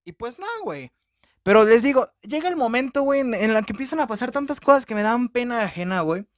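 A man with a Mexican Spanish accent hosting a low-budget podcast, reviewing a film in a crude, profane, joking way. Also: expressive, fast talker, no room sound, clean studio sound. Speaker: podcast host. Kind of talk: casual film review rant. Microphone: podcast microphone.

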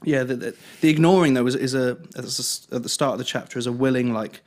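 A man's voice: medium pitch, steady tone, quick pace, a little mellow. A man talking casually about Bible passages with a friend, thinking aloud and trailing off between thoughts. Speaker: church leader discussing scripture.

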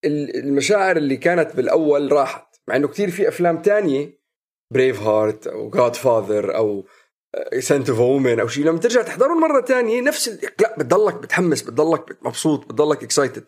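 A man with a somewhat high-pitched voice talks very quickly in Levantine Arabic. He keeps switching into English words and phrases mid-sentence. The delivery is that of casual, conversational discussion. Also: very animated.

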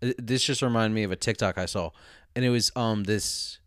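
Low-voiced young man, mixed accent. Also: a little fast, clear, resonant tone, dry recording, clean studio sound. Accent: mixed, word-dependent accent. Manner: swearing, laid-back, rambling with restarts. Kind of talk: casual chat.

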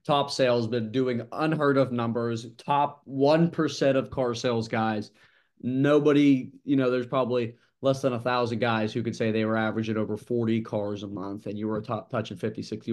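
Gravelly-voiced man hosting a podcast. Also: medium pitch, fairly even intonation, normal speed. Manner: admiring, curious questioner. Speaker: podcast host. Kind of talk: casual podcast interview.

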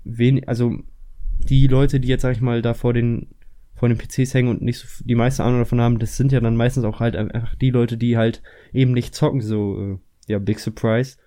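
A man's voice: mid-range voice, level tone, fairly quick, warm tone. A young man chatting casually, rambling with lots of filler words. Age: young adult. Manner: rambling, many fillers like "so" and "halt". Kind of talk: casual chat.

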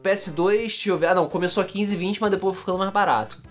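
A woman from Brazil co-hosting a casual podcast, throwing in quick, wry remarks. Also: medium pitch, soft background music. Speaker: podcast co-host.

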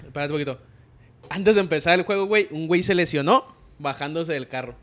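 Quick, slangy Mexican male co-host, voice a touch high. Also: a bit bright. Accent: Mexican Spanish. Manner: slangy, chiming in with details. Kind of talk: casual chat.

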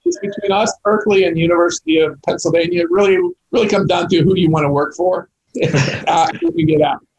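A middle-aged or older man chatting casually as an interview guest, with a gravelly, raspy voice. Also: a little high, steady tone, fast, low-quality recording. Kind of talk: casual chat.

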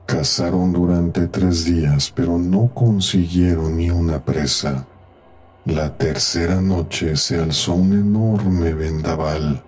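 A man reading a horror tale aloud in a slow, grave storytelling manner. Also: sits low, darkish tone. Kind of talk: scripted horror narration. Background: faint eerie background music.

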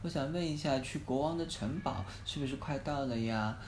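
A man voicing a brave ten-year-old boy in a bedtime story, talking gently and politely. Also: mid-range voice, brisk, voice pushed up, lightly acted. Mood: polite, hopeful. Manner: gentle and polite, turns frightened and tearful. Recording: echoey phone recording, faint hiss.

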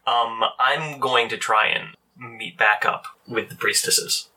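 Bright-voiced man playing a tabletop game. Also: mid-range voice, fairly even intonation, slow, slightly rough, rough recording. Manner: loose, hesitant, thinking aloud. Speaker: player. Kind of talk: casual tabletop play.

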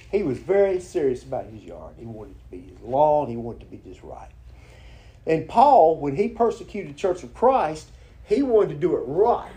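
A man preaching an informal sermon, telling folksy stories with halting restarts. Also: mid-range voice, mellow. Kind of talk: informal sermon with prayer and anecdote.

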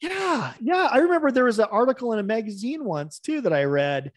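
A man as a podcast guest, telling stories in a casual, animated way and acting out the dialogue. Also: very high voice, fairly quick, no echo, studio quality. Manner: animated, acts out quoted dialogue with laughs. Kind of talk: casual storytelling interview.

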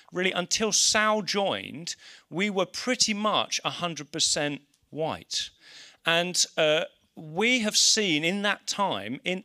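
A man's voice: a little high, sharp tone. An English man presenting an informal seminar in an explanatory, slightly hesitant way. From English Midlands. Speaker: church leader presenting a seminar.

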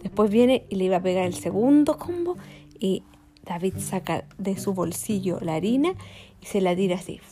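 A woman telling a children's story in an animated way, jumping into character voices. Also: medium pitch, moderate pace.

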